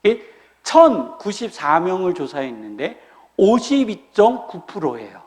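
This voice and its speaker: A man preaching a sermon as a pastor, lively and humorous, acting out the people he quotes. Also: sits high, measured pace. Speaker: senior pastor. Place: church sanctuary. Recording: reverberant church hall.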